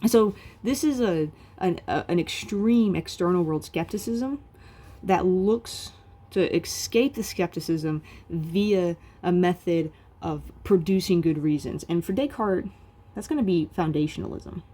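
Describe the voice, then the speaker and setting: Low, mellow-voiced woman giving a casual lecture. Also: a little slow. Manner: casual and chatty, many fillers like "um" and "like". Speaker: philosophy lecturer. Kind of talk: recorded video lecture.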